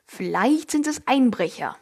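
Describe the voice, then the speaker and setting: A woman voicing an excitable, cheerful young boy who talks brightly and eagerly in a storybook reading. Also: on the high side, a little slow, husky, voice pushed up, heavily acted. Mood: worried.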